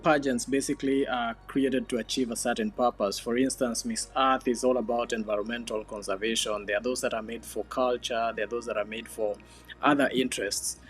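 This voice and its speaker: A man's voice: medium pitch, fairly even intonation, brisk, soft background music. A man hosting a diaspora TV interview, with formal introductions and brief prompts. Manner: formal broadcast introductions, short listening replies. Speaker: TV host. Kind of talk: hosted interview.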